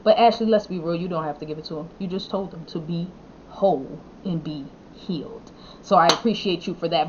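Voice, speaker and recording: A woman's voice: deep voice, dull audio, slight background noise. A woman hosting a casual podcast, talking in an affirming, thankful way with loose fillers. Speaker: podcast host.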